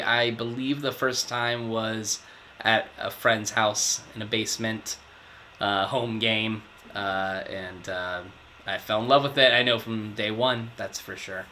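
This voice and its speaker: A thoughtful man in his thirties gives measured interview answers. His voice is bright, and faint background ambience sits under it. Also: mid-range voice, a little hiss or hum. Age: 30s. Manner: thoughtful, measured phrasing with pauses. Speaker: interviewee, project manager.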